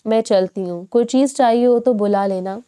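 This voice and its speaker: A woman's voice: a little high, warm tone, clear, resonant tone, lightly acted. A woman voicing a kindly middle-aged neighbor auntie who speaks in a sympathetic, motherly way.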